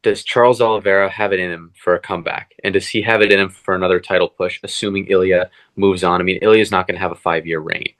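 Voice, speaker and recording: A young man co-hosts a casual fight podcast, pushing his takes and rallying viewers to weigh in. His voice is very deep and his speech runs quick. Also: steady tone, a bit bright. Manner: pushy, rallying viewers to comment. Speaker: MMA podcast co-host. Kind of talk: casual fight-analysis chat.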